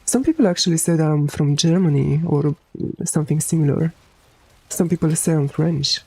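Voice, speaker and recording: During a game stream, a relaxed, androgynous-sounding streamer with a Romanian accent chats with viewers, cursing casually and using lots of fillers. The medium-pitched voice is gravelly with a breathy edge at normal speed, and the recording is rough.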